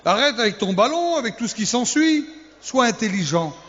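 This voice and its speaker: Extremely high-pitched and very animated, the slightly bright voice of a male youth pastor moves at a moderate pace. In a church hall he preaches to young listeners with teasing humor, rapid-fire rhetorical questions and emphatic repetition of key words. The hall echoes, and the recording is dull and lo-fi.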